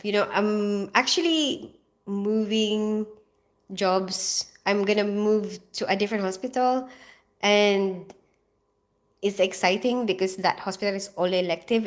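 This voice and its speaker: A middle-aged woman from the Philippines hosting a casual livestream, reading viewer comments aloud and chatting with a quick laugh. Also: mid-range voice. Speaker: livestream host.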